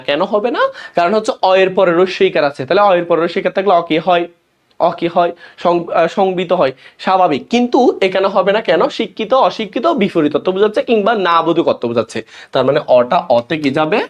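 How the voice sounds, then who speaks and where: A young male teacher with a Bangladeshi Bengali accent, talking fast and with a high, lively voice. He goes through each step and keeps asking his students questions. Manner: explains step by step, often asks students questions. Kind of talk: classroom lecture.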